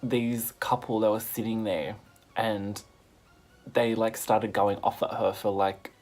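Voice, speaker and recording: A man telling a story in a casual vlog, animated and laughing, swearing freely as he goes. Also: on the low side, slow pace, faint music behind. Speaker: vlogger.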